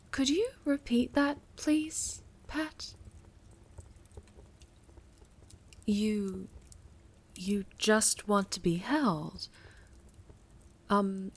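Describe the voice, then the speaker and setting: Sultry whispering otherworldly patron played by a woman; slow delivery, breathy tone, audio roleplay. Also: mid-range voice, expressive, exaggerated voice. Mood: flustered. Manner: teasing, purring, slow. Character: seductive otherworldly female warlock patron, teasing and possessive.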